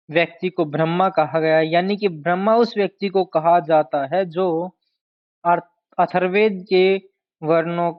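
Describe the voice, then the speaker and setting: A man teaching an exam-prep history lesson, speaking slowly and deliberately and repeating key terms to drill them in. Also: a little high. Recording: dull lo-fi sound.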